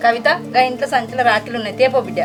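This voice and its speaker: A woman playing a kind, motherly village sister-in-law, brisk, with a Telangana Telugu accent. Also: a little high, steady tone, music in the background, natural voice. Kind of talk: village family drama acting.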